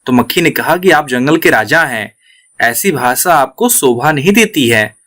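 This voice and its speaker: A man's voice: medium pitch, lively intonation, unhurried, a bit bright. A man reading the lines of a tiny, boastful female fly from a children's storybook in a taunting, challenging manner.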